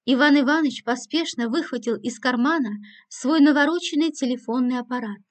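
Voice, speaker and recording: High-voiced woman narrating an audiobook. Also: a little fast. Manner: dry and ironic. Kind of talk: first-person audiobook narration.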